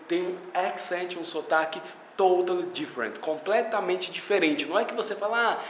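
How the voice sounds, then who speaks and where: A man's voice: a little high, echoey room, a little hiss or hum. A man with a Brazilian Portuguese accent giving a casual video lesson as an English teacher, chatty and talking straight to the viewer. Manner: chatty, addresses viewer directly.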